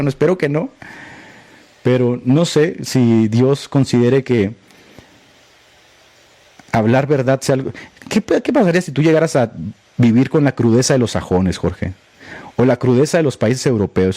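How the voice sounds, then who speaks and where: A man's voice: medium pitch, mellow, dry recording. A man hosting a livestream podcast, talking bluntly and sarcastically and aiming his lines at one critic. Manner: repeatedly addresses a critic by name. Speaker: podcast host. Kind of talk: livestream monologue.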